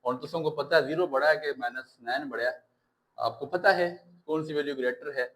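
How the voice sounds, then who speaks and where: A man's voice: fairly high pitch, brisk, a bit bright, rough recording. Reassuring male maths teacher, Pakistani Urdu accent. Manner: coaxing, reassuring, mixes English maths terms into Urdu, calls students sir and bachay. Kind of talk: recorded maths lesson.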